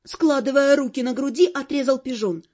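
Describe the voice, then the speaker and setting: High, mellow woman's voice reading an audiobook with wry expression. The sound is dull and lo-fi, and her narration stays scripted throughout. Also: normal speed.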